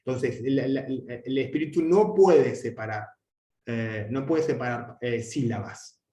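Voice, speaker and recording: A man teaching a language lesson, explaining at length with frequent restarts and fillers, and drawing out his example words slowly. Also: mid-range voice, mellow. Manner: hesitant, many restarts and fillers. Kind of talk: explanatory lecture. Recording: echoey room.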